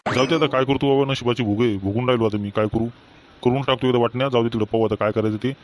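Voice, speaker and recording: A man's voice: medium pitch, fairly even intonation, very fast, close to an everyday voice. A man with a Varhadi Marathi accent playing a weary old farmer father who grumbles and laments about his quarreling sons in a village comedy skit. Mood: lamenting.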